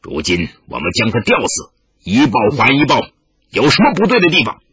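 A man's voice: medium pitch, wildly swooping pitch, a little fast, a bit bright, husky, pitched below the performer's own voice, exaggerated voice. A man voicing a cold, sneering veteran martial elder in an audiobook reading on a dull lo-fi recording.

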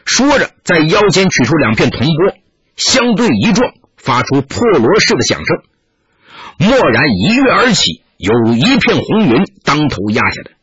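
A man narrating a martial-arts story with an expressive, dramatic delivery, on a dull lo-fi recording. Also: a little high, unhurried, husky.

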